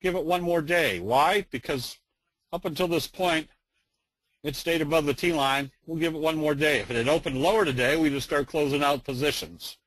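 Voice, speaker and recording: A man's voice: on the high side, normal speed, a bit bright, no echo, rough recording. Folksy man teaching chart trading. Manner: folksy, joking, many fillers. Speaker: trading instructor. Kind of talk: casual webinar presentation.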